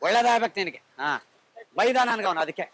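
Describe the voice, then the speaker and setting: High-voiced bossy man on a noisy street. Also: animated, fast talker, vocal fry, fairly bright tone. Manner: bossy, scolding, pushy. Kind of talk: hidden-camera prank.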